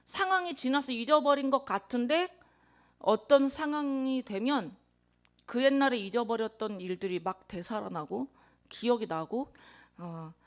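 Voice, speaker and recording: Earnest woman preacher, higher voice. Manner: earnest confessional storytelling with emphatic swells; introverted by her own account. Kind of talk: sermon.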